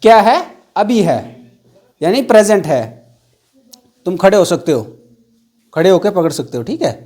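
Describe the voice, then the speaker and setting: A man's voice: high voice, darkish tone. A man teaching an English grammar class, asking the students questions and repeating the key words.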